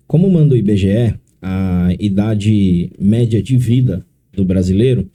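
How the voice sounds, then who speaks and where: A middle-aged man with a São Paulo accent explains things to an interviewer, taking them step by step and often adding tag questions. His voice is deep and dark, and its pitch sits in the middle. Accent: São Paulo Portuguese. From São Paulo, Brazil. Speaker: consórcio specialist guest.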